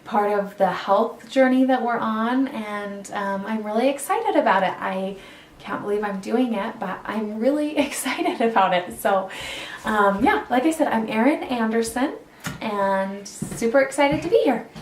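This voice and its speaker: A woman's voice: fairly high pitch, expressive, measured pace. A woman in her thirties chatting casually to camera as a vlogger, earnest and rambling with frequent ums and restarts. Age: 30s. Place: indoors in a borrowed home. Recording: roomy sound from a distant mic.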